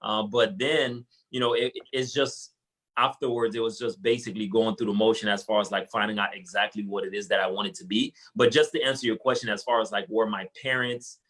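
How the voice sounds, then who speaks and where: A man's voice: fairly low pitch, fairly even intonation, fairly quick, a bit bright, rough recording. A young man from Haiti, a guest entrepreneur, talking casually and earnestly with many fillers and restarts in an interview. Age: young adult.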